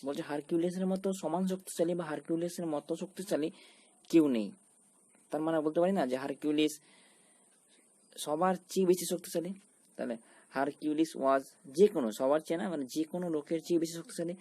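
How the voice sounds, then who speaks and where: A man's voice: on the high side, steady tone, quick pace, mellow, no room sound. A male teacher giving a grammar lesson, explaining patiently and posing questions he then answers himself. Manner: explanatory, asks and answers his own questions.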